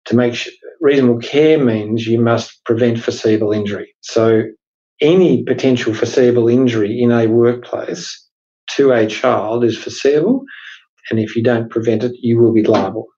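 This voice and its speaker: Male podcast co-host, mid pitch, emphatic explainer, slightly muffled lo-fi sound. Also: moderate pace, warm tone. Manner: chatty, emphatic, explains with rhetorical questions. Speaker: podcast co-host, workplace lawyer. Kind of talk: casual legal discussion podcast.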